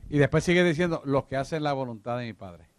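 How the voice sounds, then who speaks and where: A man's voice: medium pitch, quick pace, no echo. A man teaching a church discipleship class, emphatic and repetitive, often asking if his listeners follow him. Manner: emphatic, repeats himself, asks listeners if they follow.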